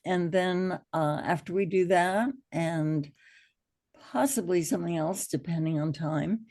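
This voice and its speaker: Her voice low and dark, a middle-aged American woman hoarse and gravelly from allergies offers encouragement and reassurance while casually teaching an online hypnosis class.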